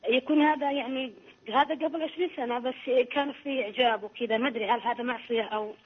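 A woman's voice: on the high side, steady tone, quick pace, slightly rough. A woman calling in over the phone to ask a question, hesitant and repeating herself. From Saudi Arabia. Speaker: caller. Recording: muffled phone line.

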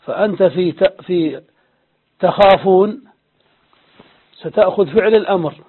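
A man's voice: high voice, unhurried, breathy edge. A man teaching an Arabic grammar lesson, patiently explaining rules, repeating key points and asking the class questions. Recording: tinny phone-like lo-fi recording.

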